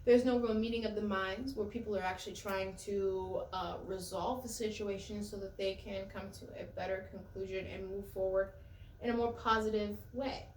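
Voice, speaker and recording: A woman's voice: mid-range voice, steady tone, moderate pace, recorded from a distance, a little hiss or hum. A woman giving a casual tarot reading to her viewers in a conversational way, often repeating and restarting her phrases. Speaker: tarot reader. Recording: echoey room, voice off-mic.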